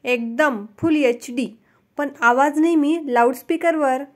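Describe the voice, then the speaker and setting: A woman voicing a henpecked husband in a joke, speaking a little lower than her narration, with nervous, sheepish replies. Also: slow pace, heavy background noise. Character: exasperated henpecked husband, adult man.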